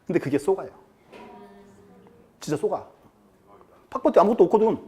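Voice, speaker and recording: Guy teaching a classroom, chatty, mellow warm tone, acts out little stories. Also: high voice, expressive, fairly quick. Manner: chatty, asks the class questions and acts out quotes. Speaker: real estate law lecturer. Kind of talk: classroom lecture with storytelling.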